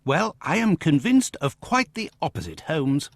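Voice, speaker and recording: An actor playing an earnest, excitable English gentleman doctor in a video game, formal and expressive. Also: on the high side, a little slow, no echo, clean studio sound. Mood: earnest explaining. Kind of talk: video game cutscene acting.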